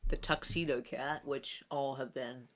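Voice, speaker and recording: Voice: medium pitch, fairly even intonation, a little slow, fairly bright tone. A podcast co-host in casual chat, hesitant and full of fillers, slipping in jokes. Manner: hesitant, filler-heavy, jokey.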